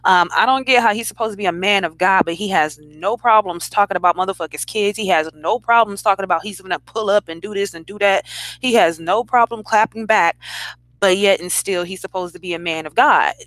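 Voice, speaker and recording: A woman's voice: mid-range voice, brisk, a bit bright, no room sound. Woman chatting dryly about clips. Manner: incredulous, chatty, talks to viewers. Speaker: host reacting to clips. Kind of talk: casual commentary.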